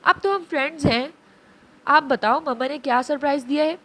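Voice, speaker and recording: A woman's voice: sits high, fairly quick, pushed and bright. A woman doing a sweet little grieving girl. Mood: excited. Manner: sweet pleading childlike voice. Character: small grieving girl, innocent and eager.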